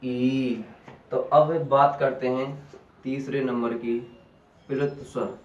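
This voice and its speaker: A man teaching a grammar lesson slowly, repeating key terms back as questions to his students. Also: medium pitch, steady tone, lo-fi sound. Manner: slow and deliberate. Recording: echoey room, voice from a distance.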